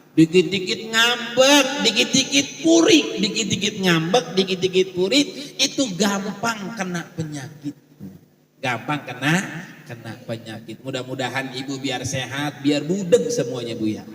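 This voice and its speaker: Animated Betawi preacher in an echoey hall. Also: male voice, high voice. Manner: animated, joking, acts out gossiping women. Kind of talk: lively Islamic sermon to women's congregation. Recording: echoey hall with long reverb.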